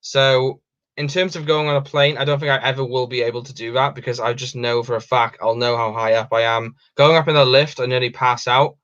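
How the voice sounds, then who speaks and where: In dull, lo-fi stream audio, a young Welsh host speaks fairly quickly in a medium-pitched, clear, resonant voice that is a bit bright and shows little pitch movement. He reads viewer questions aloud and answers in a rambling way, often restarting and saying um.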